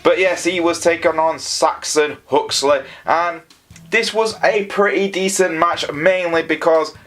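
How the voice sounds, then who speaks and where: A Leeds man with a Yorkshire accent reviews a wrestling show in a casual, unscripted way, full of enthusiasm and strong opinions. His voice sits on the high side and is fairly bright, with a steady tone and an unhurried pace.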